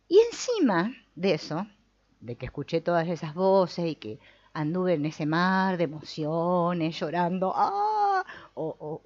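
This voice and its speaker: Low-voiced, lively woman teaching. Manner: lively, acts out inner voices. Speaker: spiritual teacher. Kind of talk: teaching a talk on the mind. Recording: slightly dull lo-fi sound.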